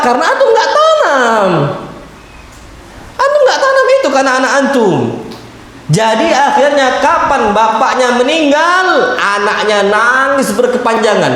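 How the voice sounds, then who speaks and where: A man's voice: extremely high pitch, animated, a little slow, a bit bright. A man preaching a sermon in a mosque, emphatic and constantly putting questions straight to his listeners. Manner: emphatic, questions the audience directly. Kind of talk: sermon at a mosque study circle. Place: large mosque hall. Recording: echoey mosque hall, faint noise.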